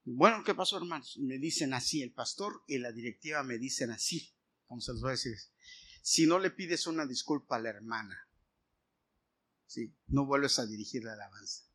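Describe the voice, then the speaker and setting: A middle-aged man, preaching a sermon as he tells a personal story and acts out the dialogue. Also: mid-range voice. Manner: animated storytelling, acting out dialogue.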